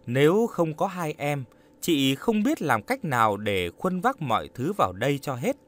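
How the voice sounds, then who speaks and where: Storybook role: male reader doing a courteous, hesitant young woman, lively intonation. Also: a little high, normal speed. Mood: polite. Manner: polite, hesitant. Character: polite young woman, newcomer, earnest. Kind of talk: audiobook character reading.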